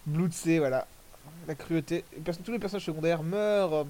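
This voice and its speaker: A man's voice: a little high, a little fast, mellow, rough recording. Rambling man giving casual commentary. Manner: rambling, self-correcting, crude slang. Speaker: commentator reviewing fan music videos. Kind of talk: casual commentary over video.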